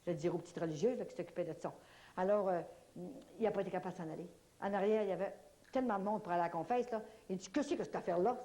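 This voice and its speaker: A woman with a Québécois French accent giving a spoken religious testimony to an audience, telling her story in an animated, folksy way full of little fillers. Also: on the low side, very fast.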